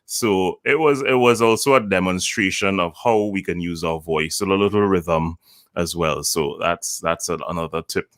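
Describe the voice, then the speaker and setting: A man who works as a voice coach, explaining his methods as an interview guest in a measured way and demonstrating lines with deliberate intonation. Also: deep voice, a bit bright. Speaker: voice communication coach.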